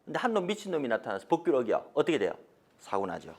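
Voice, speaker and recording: A middle-aged man giving a corporate training lecture, telling stories with loud and soft swings, asking the audience questions. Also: mid-range voice, fast. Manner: animated storytelling, swings from loud to soft, acts out quotes; mixes polite and blunt casual speech, asks the audience questions.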